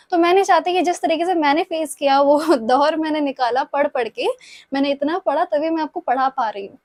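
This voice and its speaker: A woman's voice: sits high, darkish tone, no room sound, clean studio sound. A young woman with a sore throat, patiently explaining Spanish grammar for exam students and often checking in with her listeners. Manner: patient, repeats points, checks in with "ठीक है?". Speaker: Spanish tutor.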